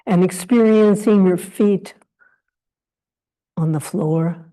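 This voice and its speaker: With a lowish voice, a woman teaches through a guided meditation, pausing at length between her short and gentle invitational phrases.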